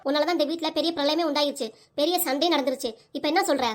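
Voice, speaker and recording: Cartoon mom, a woman doing her, always scolding, southern tamil accent, high voice, talks super fast. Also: fairly even intonation, close to an everyday voice. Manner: nagging, scolding. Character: short-tempered scolding young mother.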